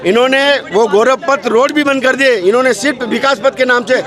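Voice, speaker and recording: A man's voice: extremely high pitch, brisk. A man, a local party supporter, arguing his point insistently in a street interview. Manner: insistent, argumentative. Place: outdoors in a town street. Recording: crowd chatter outdoors.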